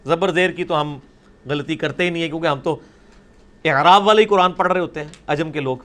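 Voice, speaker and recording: With a fairly high, slightly bright voice, a middle-aged religious teacher patiently takes his class through material at a blackboard, questioning the audience as he goes in an indoor lecture room.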